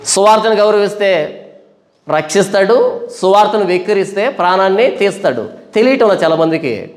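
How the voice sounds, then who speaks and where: Casting: male preacher with a high voice, fiery emphatic sermon delivery, echoey room. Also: animated, moderate pace. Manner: emphatic, fiery, full of rhetorical questions.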